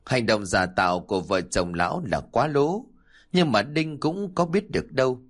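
A man narrating an audiobook story with an expressive, dramatic delivery. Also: medium pitch, moderate pace.

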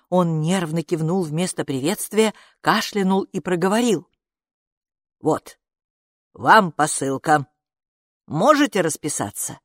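A woman reading a children's story aloud as narrator, with a lively, expressive delivery. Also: lowish voice, dry recording, studio quality. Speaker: audiobook narrator. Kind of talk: scripted narration.

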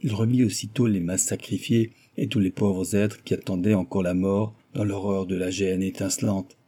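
A man's voice: low voice, steady tone, normal speed, warm tone, husky. A man narrating a novel aloud in a dramatic storytelling delivery. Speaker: audiobook narrator.

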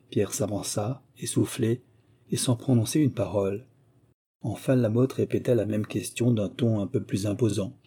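A man narrating a classic novel for an audiobook in a measured, even reading. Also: mid-range voice, breathy edge.

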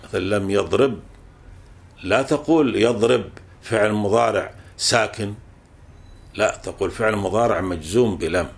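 A man's voice: lowish voice, vocal fry. A man teaching a classical grammar text, explaining patiently and repeating points with fillers.

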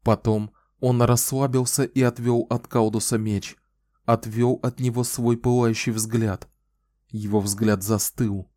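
A man reading an audiobook as narrator, with measured storytelling. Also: mid-range voice, little pitch movement, mellow, dry recording, studio quality. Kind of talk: scripted narration.

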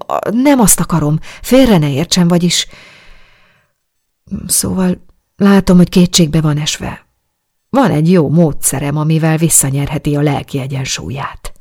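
A reader voicing a shy young man, a hotel porter, who talks earnestly and stumbles over his words, in a gravelly, husky tone. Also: medium pitch, a little mellow, no echo, clean studio sound, close to an everyday voice. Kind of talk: audiobook dialogue.

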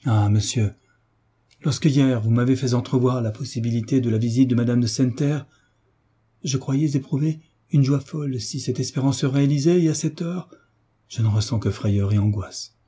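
A man's voice: medium pitch, moderate pace, warm tone, breathy edge, close to an everyday voice. A man voicing a timid, frightened young woman in an audiobook reading, speaking faintly and pleadingly. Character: young woman, anxious, proud yet timid.

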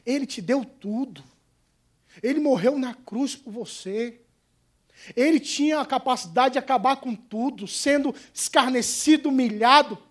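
A fiery male pastor, preaching in a church. His talk is colloquial and punchy, and it swings between shouted lines and hushed asides. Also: extremely high pitch, a little slow. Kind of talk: sermon.

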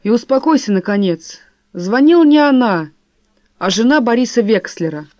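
Woman reading as a sharp-tongued angry wife. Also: fairly high pitch, expressive, moderate pace, no echo, dull audio, pitched above the performer's own voice, natural voice. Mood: indignant. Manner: forceful, cutting, indignant. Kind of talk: audiobook character voice.

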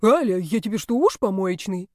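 A woman voicing a sly, grumpy young male snake-man who talks in a gruff, hissing, bossy way. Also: mid-range voice, lively intonation, normal speed, warm tone, no echo, clean studio sound, natural voice. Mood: indignant.

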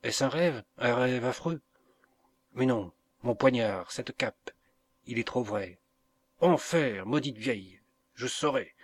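A man's voice: medium pitch, expressive, slow pace. A man reading an audiobook, voicing a young male pirate who talks in agitated exclamations. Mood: dazed anger. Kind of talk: audiobook character voice.

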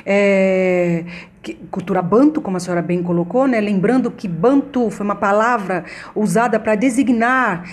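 A woman's voice: medium pitch, moderate pace. A Brazilian woman hosting a conversational podcast, introducing a guest and often tagging her phrases with little check-in questions. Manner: frequent "né" tags. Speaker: host.

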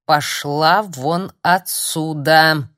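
A woman voicing a grim male sorcerer who speaks in a low, hoarse, quietly seething voice with terse threats. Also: a little slow. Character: grim, wrathful male sorcerer, young adult.

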